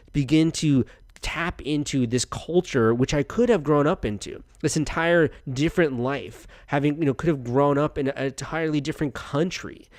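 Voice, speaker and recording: With a mid-range, slightly mellow voice and no room sound, a young American man delivers a casual podcast monologue as host. He's chatty and friendly, often starting his sentences over.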